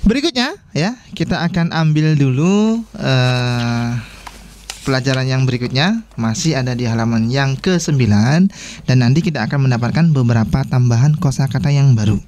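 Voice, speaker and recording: A man's voice: medium pitch, expressive, normal speed, darkish tone, no room sound. A man teaching beginner Arabic in an online class, encouraging students and ending phrases with a questioning "ya". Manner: encouraging, frequent "ya" tags.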